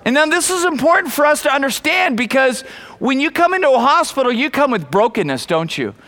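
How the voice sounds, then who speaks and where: A man's voice: very high-pitched, big pitch swings, brisk, bright, forceful tone. A middle-aged male pastor preaching a sermon in a conversational way, asking the congregation questions and often repeating words as he restarts.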